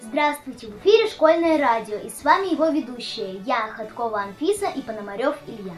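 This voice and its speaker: A woman's voice: fairly high pitch, expressive, a little fast. A female school radio host reading a scripted commemorative narration as an earnest recitation. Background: music.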